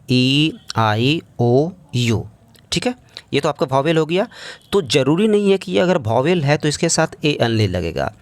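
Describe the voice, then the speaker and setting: A man's voice: on the high side, no room sound. A man teaching an English grammar lesson in speech, explaining step by step and often asking the class rhetorical questions.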